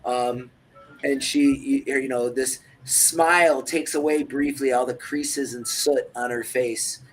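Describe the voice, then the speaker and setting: A man narrating a tabletop game as game master, casual and halting. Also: mid-range voice, steady tone, a little hiss or hum. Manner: casual, halting, many fillers. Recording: faint background music.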